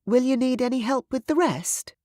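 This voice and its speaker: A narrator putting on a high, polite young maid. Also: animated, normal speed, darkish tone, dry recording, clean studio sound. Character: young female servant, polite and attentive.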